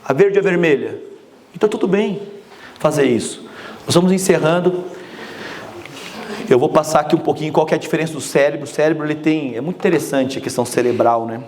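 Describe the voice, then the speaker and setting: A man giving a motivational talk, energetic and joking, speaking straight to the audience. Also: a little high, fast, pauses often.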